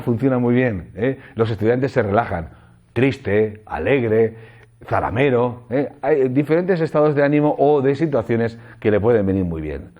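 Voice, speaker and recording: Man from Spain, lecturer, animated intonation, explanatory, dull lo-fi recording. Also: mid-range voice. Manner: explanatory, frequent tag questions. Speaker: teacher trainer. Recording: dull lo-fi audio.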